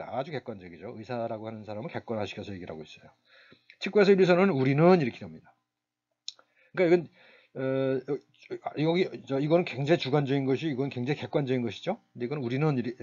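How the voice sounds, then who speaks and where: A man giving a recorded university lecture, speaking haltingly with many fillers and restarts. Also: mid-range voice, mellow, highs cut off.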